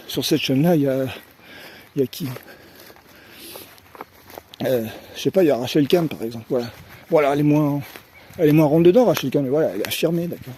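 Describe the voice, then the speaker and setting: A man with a slightly raised but mellow, warm voice speaks his mind in a loose vlog monologue. He keeps stalling on fillers and little tag questions, repeating words as he hunts for what to say next. Faint country sounds and animals drift in from outdoors. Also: fairly high pitch, a little hiss or hum. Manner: repeats words while searching for phrasing. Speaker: vlogger. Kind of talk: casual opinion monologue.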